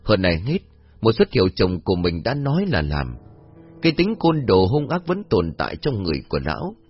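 A man narrating a scripted horror story in a dramatic, expressive way. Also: on the low side, fairly quick, husky. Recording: dull lo-fi audio with faint music.

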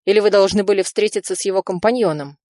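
Woman doing a cold, sharp-voiced gang leader. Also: medium pitch, quick pace, no echo, clean studio sound, lightly acted. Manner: sharp, coolly polite.

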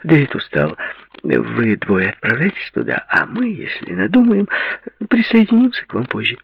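A man's voice: medium pitch, huge pitch swings, moderate pace, vocal fry, slight background noise, pitched above the performer's own voice. A man voicing a worldly young woman, lifting his voice well above his own to play her in an audiobook. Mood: coaxing. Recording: dry, slightly muffled audiobook recording.

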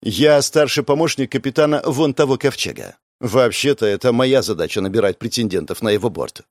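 A man's voice: mid-range voice, expressive, a little fast, dry recording, clean studio sound, lightly acted. A man voicing a cool, ruthless woman first mate who addresses a crowd firmly. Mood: commanding.

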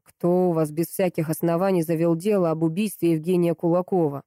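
A gruff, growling boss, blunt and domineering, as a woman narrator puts him on. The voice is mellow and dark, dry and close to the mic. Audiobook character reading. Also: on the low side, fairly even intonation, brisk, no echo, natural voice. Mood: stern. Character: angry blunt rich man, domineering boss.

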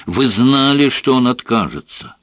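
A man's voice: mid-range voice, expressive, unhurried, no room sound, studio quality, voice pushed up. A man voicing an enraged bullying father. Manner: shouting, scornful. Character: furious bullying middle-aged father. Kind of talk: audiobook character voice.

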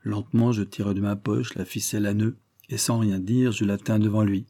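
A man narrating a literary story as an audiobook, his voice low and mellow. He reads in a measured, grave way, letting each sentence land with weight. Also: level tone. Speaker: audiobook reader.

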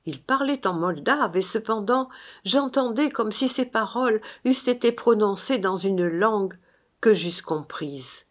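A woman's voice: medium pitch, animated, measured pace. A woman reading a gothic tale aloud as narrator, in a dramatic, theatrical way.

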